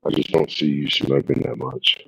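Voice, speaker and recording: A man's voice: a bass voice, little pitch movement, normal speed, creaky, slightly rough, low-quality recording. A man in a laid-back, slangy chat. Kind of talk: casual chat.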